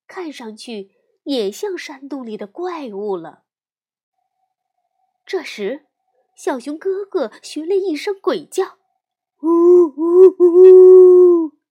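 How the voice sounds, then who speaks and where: 一位女性用缓慢而富有表现力的语气朗读儿童故事。. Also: female voice, high voice, breathy edge. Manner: slow, expressive storytelling. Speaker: storyteller. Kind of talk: children's audiobook narration.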